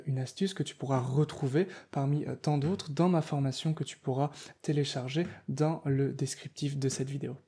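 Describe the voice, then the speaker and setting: A man's voice: a little high, mellow. A man giving a casual spoken lesson on writing poetry, talking straight to the viewer with many fillers and restarts. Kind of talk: casual spoken tutorial to camera.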